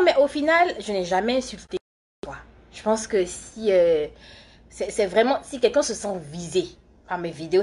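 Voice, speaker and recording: A young woman talks loosely and chattily on a livestream. She rambles from one viewer question to the next while doing her makeup, and her voice sits at a middling pitch. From Côte d'Ivoire. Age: young adult. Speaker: live streamer and student. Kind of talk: casual livestream chat answering viewer comments.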